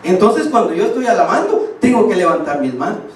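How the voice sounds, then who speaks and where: Emphatic preacher in an echoing church. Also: male voice, sits high, very animated, brisk, slight background noise. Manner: emphatic, speaks to the congregation directly. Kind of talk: sermon. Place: church hall. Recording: echoey hall, distant mic.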